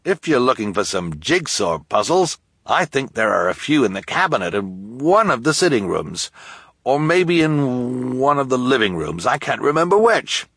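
A man's voice: medium pitch, big pitch swings, moderate pace, a bit bright, slightly rough, no room sound, studio quality, voice pushed up, full character voice. A man voicing a meek, kindly male guardian who speaks mildly and apologetically in a storybook reading. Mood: friendly mild. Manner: mild, apologetic, eager to please.

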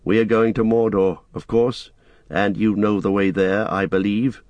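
A man voicing a calm, stern traveller who speaks with quiet, measured authority in an audiobook. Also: lowish voice, no echo, lo-fi sound, natural voice. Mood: quietly stern.

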